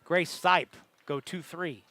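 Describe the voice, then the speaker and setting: A man giving live sports commentary on a track meet, measured and informative, pausing between facts. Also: on the high side, steady tone, bright, forceful tone, dry recording.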